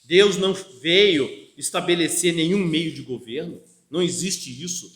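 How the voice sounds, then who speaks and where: A man's voice: a little high, a little slow, a bit bright, reverberant. A Brazilian man with a Brazilian Portuguese accent preaching an expository sermon, often asking "amém?" of his listeners. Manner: emphatic preaching with frequent call-and-response "amém?". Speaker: pastor. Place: church hall.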